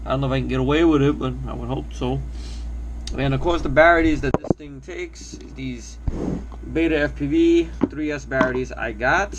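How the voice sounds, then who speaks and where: A man's voice: medium pitch, normal speed, dull audio, noisy background. A man who is a little under the weather gives a casual, rambling, hesitant overview as a hobbyist presenting his build. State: under the weather, coughing now and then.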